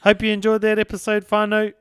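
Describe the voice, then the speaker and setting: A man's voice: high-pitched, monotone, brisk, smooth, dry recording, studio quality. A man with a broad New Zealand accent in casual podcast chat, laid-back and colloquial as he hosts. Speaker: podcast host.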